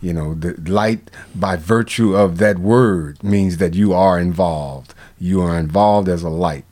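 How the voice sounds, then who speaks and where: A man, a guest on a radio talk show, talking in a halting, rambling way full of fillers and restarts, with sudden bursts of animated emphasis. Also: low-pitched.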